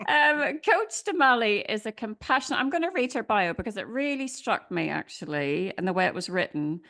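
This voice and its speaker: A woman's voice: medium pitch, lively intonation, normal speed, bright, forceful tone. A woman with an Irish accent co-hosting a podcast, upbeat and chatty as she introduces her guest. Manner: upbeat and chatty, reading a bio aloud. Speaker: podcast co-host. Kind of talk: casual interview conversation.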